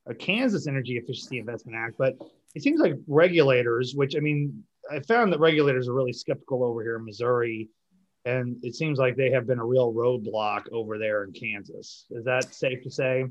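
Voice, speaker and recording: A man's voice: mid-range voice, a little fast. A man hosting a podcast, talking in a chatty, rambling way that often interrupts itself. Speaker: podcast host. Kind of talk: casual podcast conversation. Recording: dull lo-fi sound.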